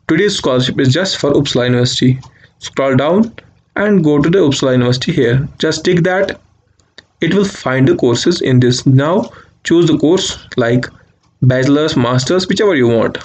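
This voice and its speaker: A man's voice: mid-range voice, a little mellow. Man narrating a screen walkthrough. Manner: step-by-step instructional, repeats "just click on this". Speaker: channel host. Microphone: voice-over over screen capture.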